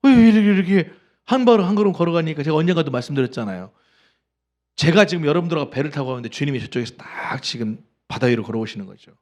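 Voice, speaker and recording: A middle-aged man preaching from the pulpit with a somewhat high voice. He tells the story with animation and acts out the voices he quotes. He keeps asking the congregation questions as he goes. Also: animated, quick pace, a little mellow. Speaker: pastor. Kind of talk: sermon. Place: church sanctuary.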